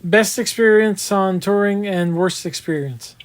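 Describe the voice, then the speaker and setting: Unhurried high-voiced male interviewer. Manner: brief, unhurried questions with hesitations. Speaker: interview host. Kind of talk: casual interview.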